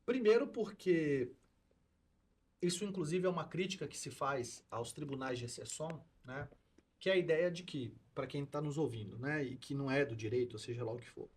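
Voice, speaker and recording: A man's voice: a little high, moderate pace, husky. A man co-hosting a podcast discussion, explaining political philosophy in a lecturing tone as a teacher. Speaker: co-host, law and philosophy teacher.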